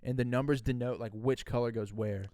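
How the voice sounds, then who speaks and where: A man in his late twenties co-hosting a podcast, easygoing in casual chat and quick with a quip. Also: mid-range voice, steady tone, warm tone, no room sound, clean studio sound. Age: late 20s. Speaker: podcast co-host.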